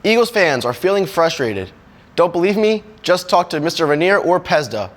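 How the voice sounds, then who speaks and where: A man's voice: a little high, big pitch swings, moderate pace. Upbeat young sports reporter, man. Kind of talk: scripted sports segment.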